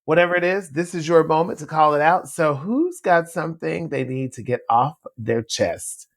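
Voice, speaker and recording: A podcast host leads into a new segment with an upbeat, playful delivery. The voice sits at a middle pitch. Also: lively intonation, moderate pace.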